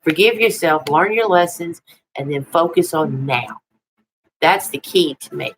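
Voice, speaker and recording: A woman's voice: low voice, expressive, a little slow, low-quality recording. A woman of sixty with a Tennessee accent, chatting casually and folksily with viewers on a live stream. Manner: folksy, chatty, with homespun exclamations.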